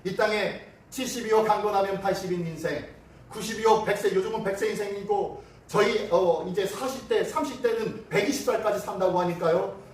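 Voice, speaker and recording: Animated male pastor in an echoey church. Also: sits high, a little hiss or hum. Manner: animated storytelling, acting out dialogue. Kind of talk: sermon. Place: church sanctuary. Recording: distant mic in echoey church hall.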